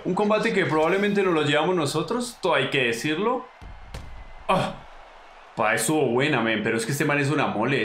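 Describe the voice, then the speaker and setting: A young Colombian man commenting casually on his own fighting game, slangy and excitable, taunting his opponent and yelping at big moments. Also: on the high side, roomy sound, a little hiss or hum. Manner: excitable, slangy, talks to the opponent, bursts into yelps. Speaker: gaming channel host.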